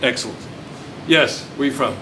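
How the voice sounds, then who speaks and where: This man teaches physics with a medium-pitched voice that is pushed and bright, lively in intonation and at a normal speed. Chatty and teasing, he repeats what his students answer, and the classroom recording is noisy.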